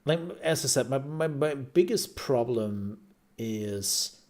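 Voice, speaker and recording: A man's voice: mid-range voice, animated, takes it slowly, darkish tone. A man streaming live and chatting casually as he reacts, rambling and thinking aloud with repeated phrases, his voice worn out from a long day of talking.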